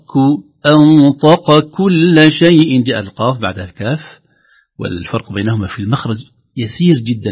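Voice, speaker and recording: A man teaching Quran recitation rules, explaining patiently and then reciting the examples slowly and more loudly. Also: fairly low pitch, vocal fry, slightly rough. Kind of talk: tajweed lesson with recited examples. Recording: dull lo-fi broadcast audio.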